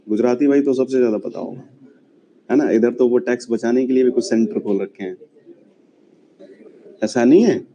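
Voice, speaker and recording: A man's voice: mid-range voice, dark tone, muffled recording, slight background noise. A man lecturing a classroom on history, chatty and often checking whether students follow. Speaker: history teacher.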